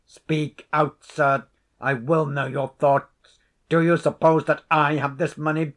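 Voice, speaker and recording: A man voicing a stern, suspicious laird who speaks in a cold, measured, menacing way. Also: mid-range voice, flat delivery, a little mellow, lightly acted.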